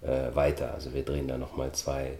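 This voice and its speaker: A middle-aged man from Austria, an actor speaking as an interview guest in a thoughtful, measured way with frequent hesitations. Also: very deep voice, monotone, warm tone, echoey room, a little hiss or hum. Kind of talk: relaxed interview talk.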